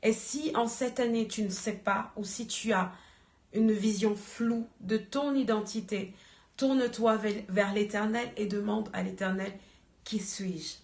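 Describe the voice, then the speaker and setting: A woman giving an earnest church exhortation, slow and searching for words. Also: medium pitch, darkish tone. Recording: echoey room.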